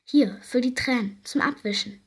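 A woman reading aloud, voicing a kind, eager little girl with a breathy, earnest voice. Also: on the high side, normal speed. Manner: bright, earnest. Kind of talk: storybook reading.

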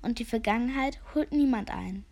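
A woman voicing a gloomy, self-important old male raven sage with a croaking voice and a grave, solemn way of speaking. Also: on the high side, moderate pace, a little mellow. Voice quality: croaking, rasping.

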